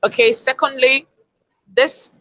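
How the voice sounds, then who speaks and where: A woman's voice: high voice, fairly even intonation, takes it slowly, sharp tone, no room sound, lo-fi sound. A woman, a communication expert explaining and demonstrating word sounds in an online lesson over a video call. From Africa.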